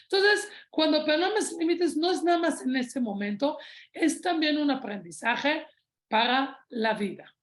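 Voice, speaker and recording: A woman's voice: high voice, expressive, unhurried, reverberant. A woman in her thirties with a Mexican Spanish accent giving a parenting talk, telling stories and checking in with her listeners. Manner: conversational, checks in with "¿ok?". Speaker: parenting speaker.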